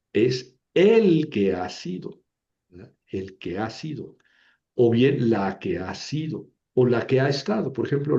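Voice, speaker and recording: Slow, patient male Greek teacher. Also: medium pitch, mellow, muffled recording. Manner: slow, patient, repeats each form and checks with "¿verdad?". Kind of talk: recorded grammar lesson.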